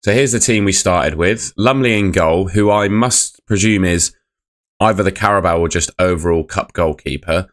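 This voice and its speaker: Hoarse from yelling the previous night, a young fan channel host leads an informal live football review. His pitch is low and his speed normal as he reads out messages from the chat in a rambling, talkative way.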